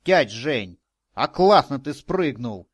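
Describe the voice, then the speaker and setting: A man voicing an eager, admiring young boy sidekick in an audiobook, speaking in excited exclamations. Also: medium pitch, slow pace, no room sound, studio quality.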